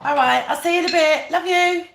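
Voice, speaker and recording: A very high-pitched, gravelly female voice with a fairly bright tone comes through brisk and quick. She's a British-accented livestream host eating dinner mukbang-style while chatting casually to viewers, in an echoey room.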